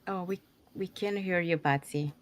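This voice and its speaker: A woman's voice: lowish voice, moderate pace, a little hiss or hum. A woman from Panama speaking as a panelist in a brief, practical way.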